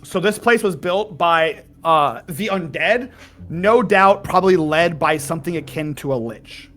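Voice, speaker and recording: A fairly high male voice leads a tabletop game as game master. He narrates dramatically and often sinks to a hushed murmur for effect. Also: unhurried, soft background music. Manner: dramatic, hushed narration with sudden drops in volume.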